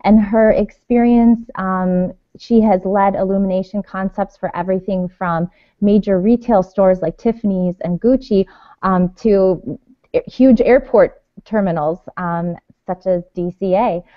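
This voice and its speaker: A woman's voice: mid-range voice, unhurried, dry recording, highs cut off. A woman hosting a podcast, introducing her guest with frequent hesitations and ums. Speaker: show host. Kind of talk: podcast interview.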